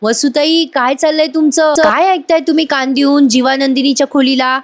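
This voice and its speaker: A woman performs the part of a firm, dismissive middle-aged mother. She pitches her voice high, somewhat above her natural register yet still close to an everyday voice, keeping the intonation fairly even and the pace moderate.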